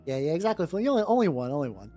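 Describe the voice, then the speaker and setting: This streamer has a low, mellow voice with a sing-song lilt, rattling off lines rapid-fire as she playfully reads fanfiction aloud to get laughs. Background music plays while she chats and jokes.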